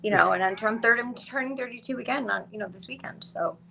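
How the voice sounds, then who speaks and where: A woman's voice: fairly high pitch, fast, vocal fry, pushed and bright, a little hiss or hum. A woman in her late thirties, a podcast guest, chatting casually and laughing often. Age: late 30s. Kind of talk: casual chat.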